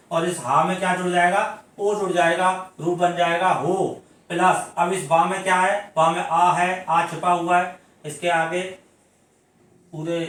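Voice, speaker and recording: A man with a fairly high voice teaches at an unhurried pace, posing questions to the class and answering them himself. He stretches example words out syllable by syllable. The recording is very echoey, with the voice picked up from some distance from the mic. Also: a bit bright. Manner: explains step by step, asking questions and answering them. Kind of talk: Hindi grammar lesson. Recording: very echoey room, voice from away from the mic.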